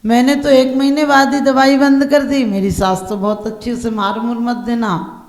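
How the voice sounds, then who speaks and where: A woman's voice: fairly high pitch, little pitch movement, normal speed, a little mellow, roomy sound, lightly acted. A woman voicing a young daughter-in-law in a sermon story, in a plain storytelling voice. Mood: affectionate. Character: young daughter-in-law, stubborn then softened.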